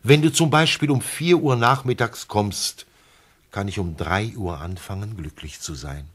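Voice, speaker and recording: A man voicing a wise, gentle male fox with a husky voice, speaking in a lively, heartfelt way in a classic radio play. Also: fairly low pitch, a little slow. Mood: pleading, tender. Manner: lively, pleading, heartfelt delivery.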